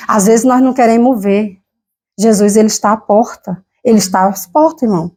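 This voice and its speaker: Fervent Brazilian woman preaching, slightly high. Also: brisk, dark tone. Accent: Brazilian Portuguese. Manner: fervent, repetitive, emotional preaching. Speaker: lay preacher. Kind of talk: sermon with personal testimony. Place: church service.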